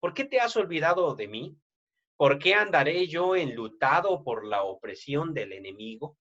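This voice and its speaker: A man's voice: on the high side, big pitch swings, moderate pace, fairly bright tone, dull audio. A man preaching a sermon in a conversational way, with frequent tag questions and restarts, and a Latin American Spanish accent.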